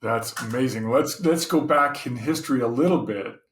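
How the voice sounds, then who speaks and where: A man hosts an interview podcast, opening with a scripted welcome before moving into questions. His voice sits at an ordinary middle pitch. He speaks in a measured way, with the odd hesitant "uh" and repeated word. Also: a bit bright. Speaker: podcast host.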